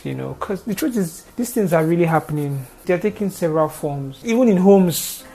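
A woman with a Nigerian accent speaks in a small, thin yet deep voice, delivering an earnest, unscripted talk on social issues and frequently repeating phrases to stress her points.

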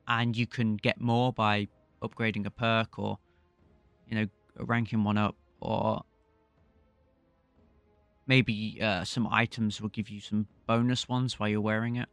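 A man's voice: lowish voice, flat delivery, a little slow, gravelly, pauses often, a bit bright, smooth, dry recording, soft background music. A man co-hosting a casual gaming podcast, thinking aloud in a rambling way. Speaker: podcast co-host.

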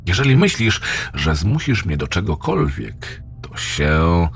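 A man voicing a gloating, crude male AI demon in a horror story reading, with a rough, mocking voice. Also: unhurried, soft background music, full character voice. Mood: menacing. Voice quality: rough, ugly, abusive voice. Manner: taunting, lewd, lively pitch swings.

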